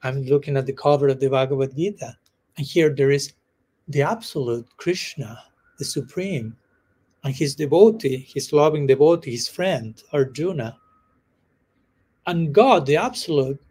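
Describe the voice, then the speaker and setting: Guy giving a relaxed spiritual talk to a group, kinda high voice, laughs a lot, keeps saying "no?". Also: breathy edge. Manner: gentle, unhurried storytelling with frequent chuckles and "no?" asides. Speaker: spiritual teacher. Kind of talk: informal dharma talk to a live group.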